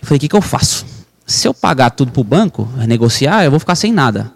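A man's voice: mid-range voice, very animated, fast talker, gravelly. A man, a real estate broker guesting on a podcast, telling an emotional personal story with intense, fervent delivery. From Brazil. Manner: intense, fervent, calls listener "irmão".

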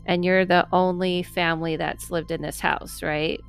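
A woman's voice: fairly low pitch, little pitch movement, normal speed, creaky, clean tone, faint music behind. A woman hosting a podcast, chatting casually with a guest, affirming often and laughing easily. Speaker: podcast host. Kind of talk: casual interview chat.

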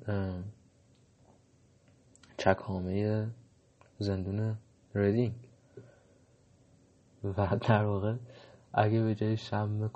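A man's voice: fairly low pitch, mellow, highs cut off. A man giving a casual, reflective monologue, hesitant and full of fillers. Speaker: monologue host.

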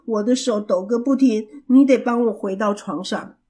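A woman's voice: fairly high pitch, moderate pace, mellow, natural voice. A woman doing a grumpy sick bear. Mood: weak. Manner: gruff, complaining.

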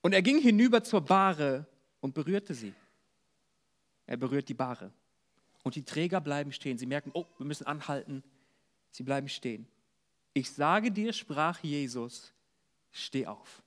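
A man preaching an earnest sermon at a church service, dropping soft and low for words of comfort. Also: lively intonation, normal speed, long pauses. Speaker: pastor.

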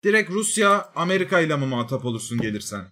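Guy w a sharp bright voice, talks fast n blunt, pushing his point. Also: on the high side, very animated. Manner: argumentative, blunt. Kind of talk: casual chat.

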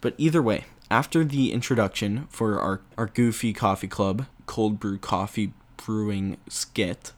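A man's voice: lowish voice, unhurried, few pauses. A young man hosting a casual solo podcast, rambling with frequent chuckles and filler words. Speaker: podcast host.

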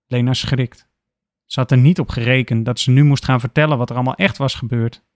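A man narrating an audiobook story in a steady, even delivery. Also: medium pitch, dry recording, clean studio sound.

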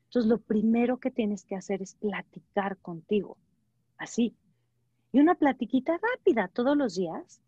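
A woman's voice: medium pitch, mellow, dry recording. A woman with a Mexican accent giving conversational advice as a guest, acting out little dialogues, with many fillers and restarts. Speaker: guest advisor. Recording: dull lo-fi dry sound.

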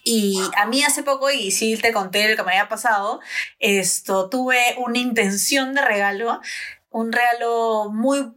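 A woman in casual chat, reacting quickly and chatting freely. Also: a little high, a bit bright.

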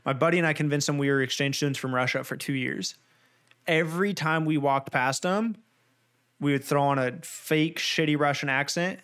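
Rambling young man, slightly high voice. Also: moderate pace, fairly bright tone, smooth. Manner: rambling, filler-heavy, jokey. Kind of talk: casual podcast chat.

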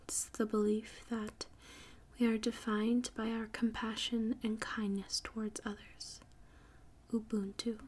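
Whispering softly in ASMR style, a woman hosts a sleep podcast, taking her time as she repeats and spells out words at a slow pace. Her voice is a little high, breathy and airy, with flat delivery and barely any rise and fall.

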